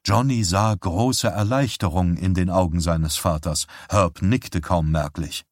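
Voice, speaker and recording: Male audiobook narrator, deep voice, slow measured reading, dry close sound. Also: no room sound. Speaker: audiobook reader. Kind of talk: scripted narration.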